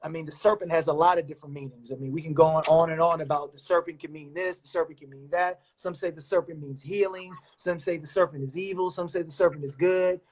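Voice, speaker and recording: Man host, live-stream chat, relaxed, slightly higher voice, phone mic. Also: fast, hardly any pauses, husky. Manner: laid-back, says man and my brother often.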